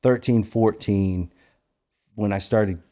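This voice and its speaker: Relaxed low-voiced man hosting a chat. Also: takes it slowly. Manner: relaxed, swears casually, shares stories. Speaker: podcast host. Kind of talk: casual interview chat.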